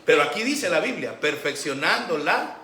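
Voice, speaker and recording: A pastor preaches with a somewhat high, bright, forceful voice, slipping into the voices of the people he quotes. The sound is roomy and echoey, with a faint hiss of background noise. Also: big pitch swings, normal speed. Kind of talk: sermon. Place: church sanctuary.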